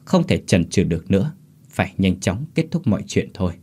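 A man reading a ghost story aloud in steady, measured scripted narration. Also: low-pitched, husky.

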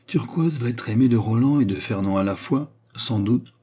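Give me an eager young rogue accomplice, dark and husky, read by a man. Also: mid-range voice, moderate pace, close to an everyday voice. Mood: curious. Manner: eager, admiring.

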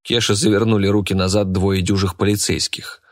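A man narrating an adventure audiobook in a steady, expressive reading. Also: lowish voice, brisk, no echo, studio quality.

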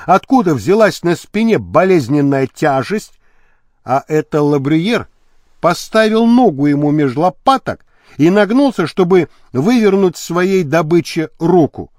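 A man reading an adventure novel aloud with expressive, dramatic narration. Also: a little high, measured pace, dry recording, clean studio sound. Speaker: audiobook narrator. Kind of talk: scripted narration.

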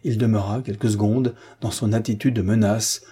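A man narrating a classic novel with a measured, dramatic reading. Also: lowish voice, fairly even intonation, warm tone, slightly rough. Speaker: audiobook narrator. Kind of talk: scripted narration.

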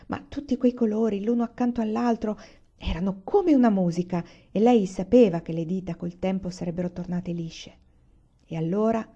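A woman reading a novel aloud in an expressive storytelling manner. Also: fairly low pitch, lo-fi sound. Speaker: reader. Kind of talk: audiobook reading.

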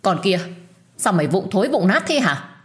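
A woman voicing a sharp-tongued, scornful middle-aged mother-in-law who scolds with shrill insults. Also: animated, normal speed, close to an everyday voice. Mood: furious.

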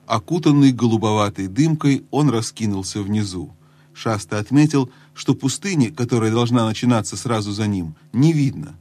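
Low-voiced man narrating a children's audiobook. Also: normal speed, a little mellow. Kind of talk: scripted storybook narration.

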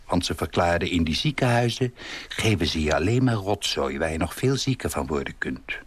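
Husky-voiced man reading a dry story. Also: sits low, animated, moderate pace. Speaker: author reading his column.

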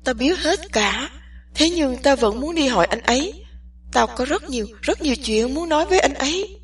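A woman voicing an impatient, resolute young woman who speaks firmly and deliberately in an audiobook. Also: sits high, lively intonation, far from the mic, voice pushed up. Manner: firm, deliberate, emphatic.

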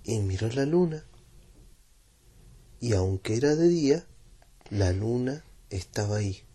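A man with a Rioplatense Spanish accent reading a children's story aloud in a gentle, unhurried way. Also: mid-range voice, lively intonation.

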